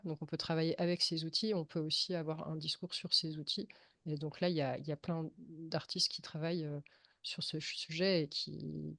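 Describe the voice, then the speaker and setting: Panelist w a flat voice, lots of euh, dry close sound, video call. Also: medium pitch, no room sound. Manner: hesitant, full of fillers. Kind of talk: casual panel discussion.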